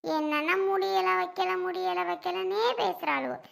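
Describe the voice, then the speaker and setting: Woman doing a high, gravelly-voiced old mother-in-law, sarcastic and nagging, skit role. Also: steady tone, heavily acted. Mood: complaining. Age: older. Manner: nagging, sarcastic, drawn-out complaints. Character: scolding old village mother-in-law, sharp-tongued, boastful. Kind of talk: family comedy skit.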